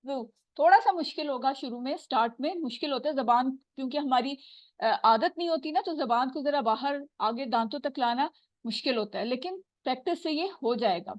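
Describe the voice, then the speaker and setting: A woman teaching Quran recitation, patiently explaining and slowly repeating sounds to demonstrate them. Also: sits high, expressive, no room sound, muffled recording. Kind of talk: tajweed lesson.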